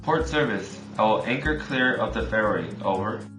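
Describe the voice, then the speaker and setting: A man's voice: on the low side, lively intonation, moderate pace. Here is a man playing a ship's officer on marine radio, answering port control in strict formal procedure. He reads each instruction back plainly. The sound is roomy, with music underneath. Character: male ship's radio officer, calm and compliant. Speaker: ship's officer of a motor vessel. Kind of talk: scripted maritime radio role-play. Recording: echoey room with music underneath.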